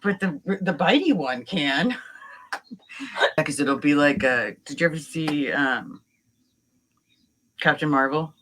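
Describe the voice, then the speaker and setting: A woman's voice: deep voice, animated, takes it slowly, long pauses, background noise. A woman guest on a podcast, speaking candidly in casual chat, emotional but joking, with some swearing.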